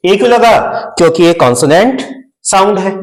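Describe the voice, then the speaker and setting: A man with an Indian English accent, a Hindi speaker, teaching English grammar and repeating words slowly and emphatically for his students. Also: high voice, expressive, roomy sound, poor audio. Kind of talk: classroom-style grammar lesson.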